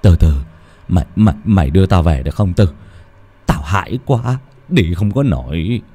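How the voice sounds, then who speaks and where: A man's voice: sits low, lively intonation, normal speed, warm tone, breathy edge. A man voicing a terrified fisherman in his sixties, stammering and wailing in panic. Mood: frightened. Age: 60s.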